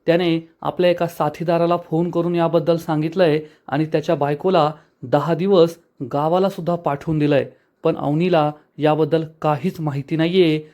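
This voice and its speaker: A man with a fairly high voice recaps a TV drama episode for his viewers. He tells the story in a lively, dramatic way and calls his audience his friends. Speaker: TV serial recap host.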